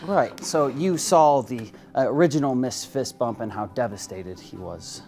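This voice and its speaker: A woman playing a halting, self-important lawyer questioning a witness in improvised comedy. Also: very deep voice. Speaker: attorney in improvised comedy courtroom.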